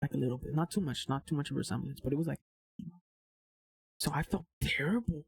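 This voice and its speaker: Fast and animated, this man tells a story as a podcast guest in casual chat, swearing plenty and mixing in Spanish slang. His voice sits on the high side, gravelly with a breathy edge.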